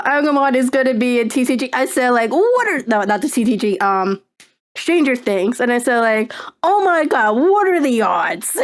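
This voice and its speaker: A young woman streamer with a slightly high voice chats casually on a live stream. She rambles excitably, with lots of fillers and laughter.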